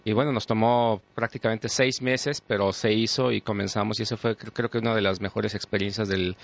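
A man speaks in a low, gravelly voice with very little melody. He talks in a measured, hesitant way and often restarts his sentences. The sound is muffled and lo-fi. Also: steady tone, no room sound. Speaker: radio co-host. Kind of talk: casual radio chat. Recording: dull lo-fi radio sound.

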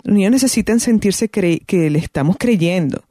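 This guest on parenting has a mid-range, mellow voice with lively intonation and a moderate pace, captured in a dry, studio-quality recording. Her conversational advice is thoughtful, marked by many restarts and fillers.

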